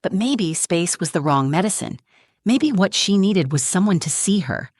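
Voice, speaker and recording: A woman narrating a scripted first-person story in a measured, reflective way, with short dramatic phrases. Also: fairly low pitch, lively intonation, darkish tone, no room sound, clean studio sound.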